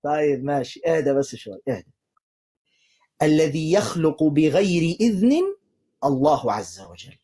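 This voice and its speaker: Male preacher, husky and mellow, steady and persistent with a heated caller. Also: on the high side. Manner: calm, insistent, keeps telling the caller to calm down; quotes scripture in a slow recitation. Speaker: Islamic preacher debating callers. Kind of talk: live online debate.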